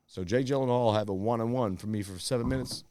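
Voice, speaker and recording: A man in his thirties telling rambling stories fast in casual chat, swearing and jumping into quick voices. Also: mid-range voice, darkish tone, a little hiss or hum. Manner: fast rambling anecdotes with profanity and quick voice swings. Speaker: podcast guest telling stories.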